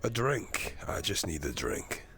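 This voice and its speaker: A man roleplaying a gruff, weary character who mutters and swears. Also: low voice, sing-song, measured pace, music in the background. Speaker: roleplayer voicing his character. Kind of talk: casual in-character roleplay chat.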